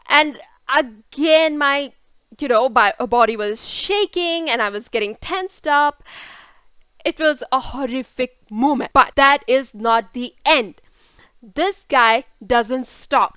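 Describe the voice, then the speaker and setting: A woman with a high, smooth voice tells a personal story in a storytime vlog, taking her time over each phrase. She speaks dramatically and repeats words for effect. Her voice is close and dry. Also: pushed and bright, no room sound.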